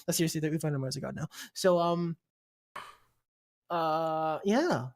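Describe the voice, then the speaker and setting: A game master improvising tabletop game narration in an informal, halting way, mixed with casual chat. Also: mid-range voice.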